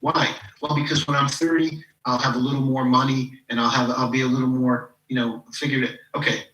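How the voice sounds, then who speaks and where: A man's voice: medium pitch, level tone, brisk, pushed and bright, reverberant, distant mic, low-quality recording. A man in his fifties, a podcast guest and coach, talking reflectively in a casual interview and leaning on "you know". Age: 50s. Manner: reflective, leans on "you know", acts out quoted people. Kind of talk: casual interview talk with personal stories.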